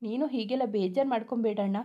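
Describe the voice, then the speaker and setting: A woman's voice: on the high side, fast talker, lo-fi sound, lightly acted. A woman voicing a cheeky, playful young woman who teases her elder brother. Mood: coaxing. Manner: playful and mischievous.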